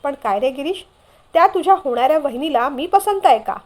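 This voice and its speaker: A woman's voice: high-pitched, lively intonation, fairly quick. Brief: a woman reading a bashful groom-to-be, curious and questioning.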